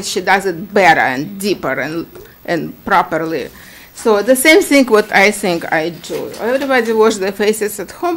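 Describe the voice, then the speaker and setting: A middle-aged woman from Ukraine with a Ukrainian accent, giving chatty, halting testimony full of fillers at a standing microphone in a town meeting. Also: mid-range voice. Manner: chatty, halting, many fillers, laughs easily. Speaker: applicant at a public hearing.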